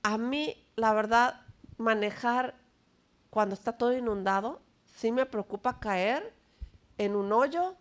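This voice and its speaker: A woman pastor preaching in church, teaching slowly and emphatically and asking the congregation questions. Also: on the high side. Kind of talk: sermon.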